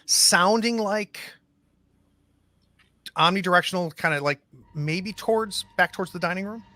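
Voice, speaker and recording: Bright-voiced man running a horror game. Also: sits high, unhurried, dry recording. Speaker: game master. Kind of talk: narrating a tabletop horror game.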